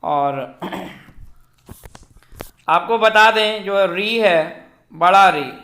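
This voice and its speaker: A man teaching a Hindi grammar lecture for exam preparation, slowly reciting and drawing out vowels, with frequent fillers as he checks that students follow. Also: high-pitched, pushed and bright, echoey room. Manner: slow, repetitive, fills with "ठीक है" and "जो है"; draws out vowels when reciting them.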